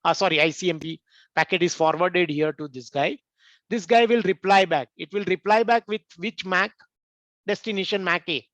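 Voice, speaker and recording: A man's voice: high-pitched, fairly bright tone, no echo. A man teaching a networking lesson over an online call, his voice cutting out with dropouts, explaining step by step and checking in with "right?". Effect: choppy online call audio with his voice cutting out. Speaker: networking instructor. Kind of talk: walking through a technical lesson on a video call. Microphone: computer mic on a video call. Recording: dull, dry online call audio.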